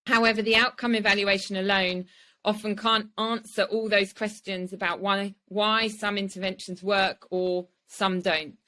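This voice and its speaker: Woman podcast host, mid pitch, encouraging interviewer; conversational. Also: level tone, normal speed, pushed and bright, rough recording.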